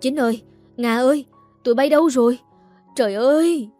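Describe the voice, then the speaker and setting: A woman's voice: medium pitch, moderate pace, dark tone, soft background music, lightly acted. A woman voicing a grieving, poor-sighted old village grandmother who wails and pleads. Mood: desperate wailing. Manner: wailing, pleading.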